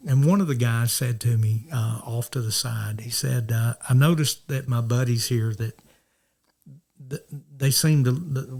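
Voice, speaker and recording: Medium in pitch and darkish in tone, the voice is that of a middle-aged minister from North Georgia, a guest in an interview. He spins rambling, casual stories, backing up to restart often and voicing the dialogue as he goes.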